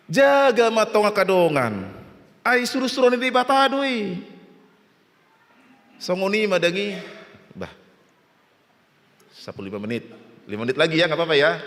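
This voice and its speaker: A man with a Batak accent, preaching an animated sermon as pastor and acting out voices in a story. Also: a little high. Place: church hall. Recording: long church hall reverb.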